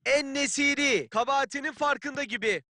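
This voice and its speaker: An actor playing a keen football play-by-play announcer in a video game, calling the match in clipped phrases. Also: male voice, very high-pitched, normal speed, pushed and bright, dry recording. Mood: keen, tense.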